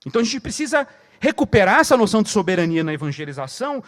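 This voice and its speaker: Man, Brazilian Portuguese accent, conference sermon, fairly high voice, storytelling. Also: sing-song, racing. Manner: storytelling, acts out dialogue in a quieter voice. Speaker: pastor. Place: conference hall.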